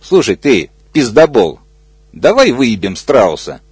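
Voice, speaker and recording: Man doing a shrill foul-mouthed hippo. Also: big pitch swings, slow pace, a little mellow, breathy edge, no echo, clean studio sound, full character voice. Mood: crude. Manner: cursing, squealing insults. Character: foul-mouthed male hippo, crude and pushy.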